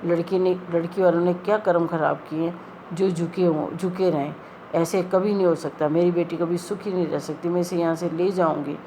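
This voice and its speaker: A woman's voice: fairly low pitch, fairly even intonation, moderate pace, warm tone, a little hiss or hum, poor audio. Earnest middle-aged woman retelling a spiritual story. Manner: earnest, pleading retelling with quoted dialogue. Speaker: devotee sharing a spiritual experience. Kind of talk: storytelling testimony.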